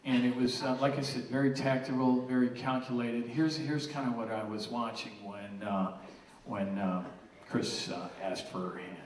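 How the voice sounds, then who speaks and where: A middle-aged man giving a casual, humorous father of the bride speech, telling family stories with halting pauses for effect. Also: medium pitch, steady tone. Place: large room with wedding guests. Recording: echoey noisy room, distant mic, crowd.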